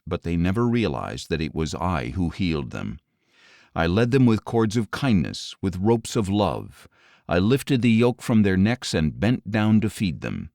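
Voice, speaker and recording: A man narrating an audio Bible in a measured, solemn scripted reading, his lines falling at the ends. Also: deep voice, a little mellow, no echo, clean studio sound. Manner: measured, solemn delivery with falling line endings.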